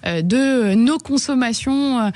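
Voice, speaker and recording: French radio guest lady, kinda high voice, explains slowly w lots of ums. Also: lively intonation, a little mellow. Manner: measured, explanatory, many hesitations. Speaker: guest, head of an EV charging company.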